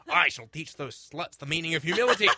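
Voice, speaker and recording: A man voicing a cruel, arrogant noble tyrant in a loud, gloating, theatrical way. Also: a little high, lively intonation, a little fast, dry recording, studio quality, heavily acted.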